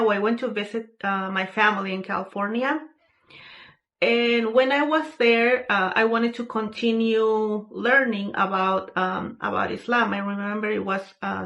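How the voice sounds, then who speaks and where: A woman's voice: a little high, fairly bright tone, lo-fi sound. Earnest woman from Peru. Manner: earnest, unhurried, with frequent fillers and restarts. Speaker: vlogger sharing a personal story. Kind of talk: casual personal testimony.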